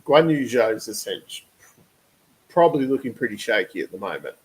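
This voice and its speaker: A man's voice: fairly low pitch, lively intonation, fairly quick, poor audio. A young adult man co-hosting a casual motorsport chat, thinking aloud with lots of fillers and restarts. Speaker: podcast co-host.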